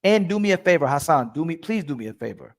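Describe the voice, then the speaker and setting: A man's voice: fairly high pitch, big pitch swings, fast talker. A man hosting a livestream call-in debate, pressing his caller with repeated questions. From family from Turkey. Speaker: livestream host.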